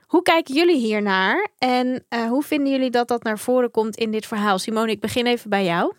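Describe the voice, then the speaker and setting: A woman's voice: on the high side, a little fast, no echo, studio quality. A woman hosting a book discussion, explaining with some hesitant fillers. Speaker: podcast host.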